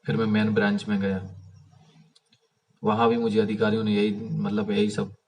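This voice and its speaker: Distant, low-voiced man telling a grievance. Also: completely flat delivery, normal speed, a little mellow. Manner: rambling, many restarts and fillers; aggrieved, complaining. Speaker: vlogger. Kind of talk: casual storytelling to camera. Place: outdoors by an unfinished house. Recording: voice heard from a distance.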